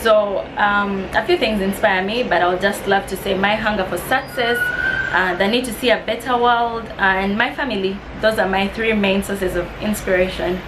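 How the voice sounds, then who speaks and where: The recording is very noisy, but her mid-range voice comes through with a steady tone and moderate pace. About twenty and from East Africa, this vlogger answers get-to-know-me questions in a casual Q&A, friendly and a bit nervous, softly laughing as she reads them out.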